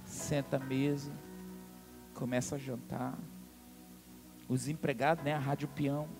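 Fervent pastor with a gravelly voice. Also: male voice, mid-range voice. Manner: fervent, dramatic storytelling, calls out to the congregation. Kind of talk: sermon.

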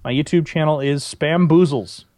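A man co-hosting a casual podcast, reading listener emails aloud in a halting way and often restarting his sentences. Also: a little high, a little mellow, dry recording, studio quality. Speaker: podcast co-host.

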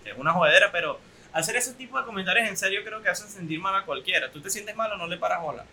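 A man's voice: sits high, lively intonation, fast talker, pushed and bright, slight background noise, low-quality recording. A young man with a Venezuelan accent hosting a casual podcast interview, chatty and teasing. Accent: Venezuelan Spanish. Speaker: podcast host.

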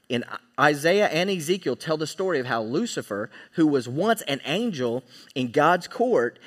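A man preaching a sermon in church, emphatic and often checking in with his listeners. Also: a little high. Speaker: pastor.

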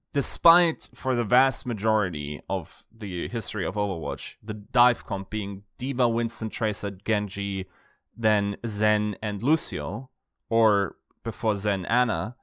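A man's voice: fairly low pitch, dry recording, studio quality. A man giving an analytical video essay, thinking aloud with rhetorical questions and frequent self-corrections. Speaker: esports analyst.

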